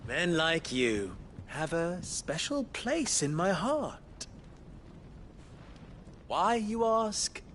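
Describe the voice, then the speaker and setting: Cocky young merchant, theatrical period drama game, slow mocking pompous talk, really swoopy, bit of rumbly noise. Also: male voice, fairly bright tone, heavily acted. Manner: mocking, pompous, drawn-out delivery. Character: smug young male merchant and schemer, swaggering.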